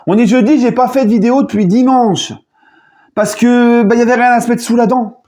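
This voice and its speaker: A man chatting casually in a video debrief as a football fan, jokey and animated, with sudden loud outbursts. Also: very high-pitched, normal speed.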